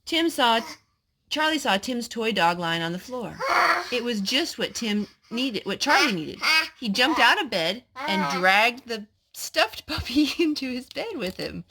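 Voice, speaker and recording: In this clip a woman animatedly reads a children's storybook for a child, pausing for explanations and questions. Her voice is a touch high, and there's noise in the background.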